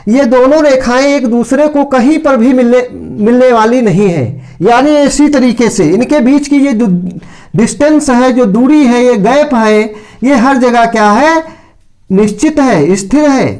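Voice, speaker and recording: A man teaching a school maths lesson, asking his own questions and answering them step by step. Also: extremely high pitch. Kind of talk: classroom lecture to school pupils.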